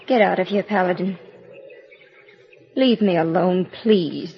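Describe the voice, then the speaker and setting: An actress playing a proud, weary and guarded outlaw's widow in a vintage radio western. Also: female voice, fairly low pitch, a little slow. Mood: weary, pained. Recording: muffled, band-limited old radio recording.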